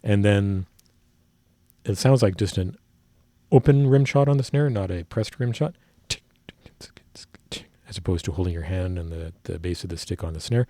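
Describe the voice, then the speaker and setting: A working musician with a low, mellow voice breaks down a song while reacting to its music video. He talks at a normal pace with long pauses in a dry, echo-free recording, rambling through technical points and often correcting himself mid-thought.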